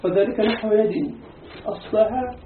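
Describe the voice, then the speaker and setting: High-pitched male student reader, quick, echoey room over a phone-like line. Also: slight background noise. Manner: brief affirmations between readings. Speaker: student reading the text aloud. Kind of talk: reading a classical grammar text in class.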